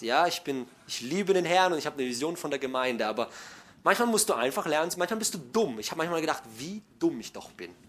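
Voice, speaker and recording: Lively high-voiced man preaching a sermon. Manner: swings between hushed asides and loud emphatic build-ups; folksy, joking, addresses listeners directly. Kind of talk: sermon to a congregation.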